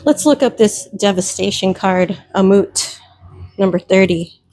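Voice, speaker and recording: A woman's voice: mid-range voice, a little slow, a little mellow, no room sound. Emphatic woman tarot reader, dry sound. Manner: emphatic, repeats warnings, addresses viewers directly. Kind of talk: solo tarot reading.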